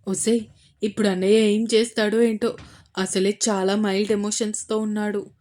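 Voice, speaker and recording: An excitable younger brother from a spoken romance story, voiced by a woman reader. He talks in a teasing, eager way. His lines come out jumpy and playful. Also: mid-range voice, moderate pace, lightly acted. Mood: worried.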